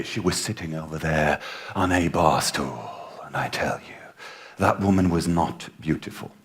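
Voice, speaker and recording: Animated man telling a comic story. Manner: comic storytelling with big pitch swings and laughs. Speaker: speech contest speaker. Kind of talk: humorous contest speech. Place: conference stage.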